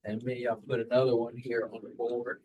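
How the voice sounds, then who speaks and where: A man's voice: medium pitch, little pitch movement, a little fast, darkish tone, low-quality recording. A man teaching a math class, talking casually and quizzing students with repeated prompts. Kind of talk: classroom lecture.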